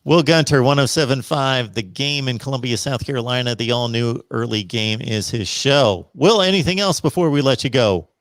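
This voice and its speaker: A man's voice: medium pitch, moderate pace, few pauses, no echo, studio quality. A man hosting a call-in sports show in a casual, conversational style.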